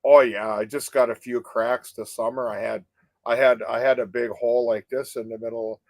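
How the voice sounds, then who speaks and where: A man's voice: mid-range voice, flat delivery, normal speed, darkish tone, dry recording, low-quality recording. An older man co-hosting a casual live chat, rambling with restarts and frequent "you know?" tags. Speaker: co-host of a live advocacy chat.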